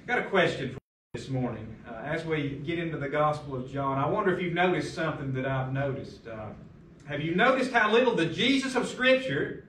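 A man's voice: on the high side, fairly bright tone, roomy sound, slight background noise. A middle-aged man pastor preaching a sermon at a lectern, asking emphatic rhetorical questions, recorded by a far camera in a large carpeted church room.

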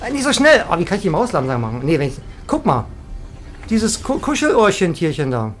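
A woman live-streaming a video game, chatting excitably with viewers and often trailing off and restarting. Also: low-pitched, fairly quick. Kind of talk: casual live-stream chat while gaming.

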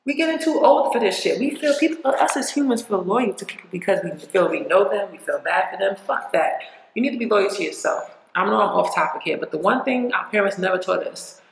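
A woman vlogger speaks bluntly and rambles through a casual opinion rant full of cursing. Her voice has a gravelly, creaky edge. The recording sounds roomy and echoey. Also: medium pitch, lively intonation, brisk, a little hiss or hum.

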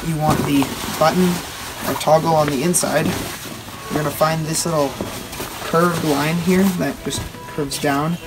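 A young man giving a casual, halting show-and-tell as a video host, recorded outdoors at a short distance from the camera. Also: a little high, fairly even intonation, noisy background. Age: teenager or young adult. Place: outdoors on a wooden backyard deck.

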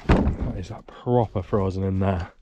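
A man's voice: deep voice, steady tone, measured pace, heavy background noise. A man in his thirties filming himself with a handheld camera while stripping out a half-demolished wooden barn, chatting wryly to himself as he works. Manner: chatty, wry, talks to himself while working. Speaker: homesteader vlogger. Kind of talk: casual self-filmed commentary. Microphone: handheld action camera.

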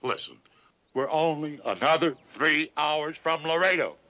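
A man's voice: on the high side, lively intonation, a little slow, pushed and bright. An actor in his thirties playing a rustic, stubborn, long-suffering cowboy with a folksy, ungrammatical way of talking in a TV western. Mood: pleading, pained. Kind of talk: 1960s television western acting.

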